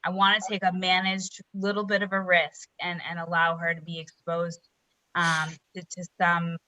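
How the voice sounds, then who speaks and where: Woman panelist, bright and lowish, halting talk, dry close mic. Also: monotone, no room sound, poor audio. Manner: thinks aloud, halting restarts, light laughs. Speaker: parent panelist. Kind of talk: casual discussion.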